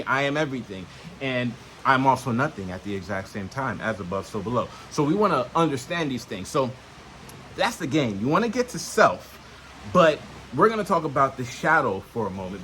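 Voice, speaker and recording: A self-help vlogger speaks to camera outdoors in nature, with a medium-pitched, bright voice and a forceful tone over a little hiss or hum. His teaching is casual and unscripted, full of streetwise slang and frequent swearing. He punctuates points with checking questions to the listener.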